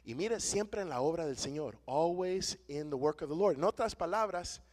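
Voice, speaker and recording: Animated bilingual preacher in a hall. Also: male voice, fairly high pitch, moderate pace. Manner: animated, rises loud then drops soft, frequent "right?". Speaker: pastor. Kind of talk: bilingual sermon, preaching then repeating in English. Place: church sanctuary. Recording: long church hall reverb.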